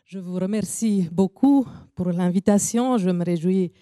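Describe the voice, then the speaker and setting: A woman with an Italian accent, not a native French speaker, giving a careful, measured formal speech at an evening event. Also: fairly low pitch, warm tone, no echo, studio quality. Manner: careful, apologetic about her French, measured delivery with pauses. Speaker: invited speaker.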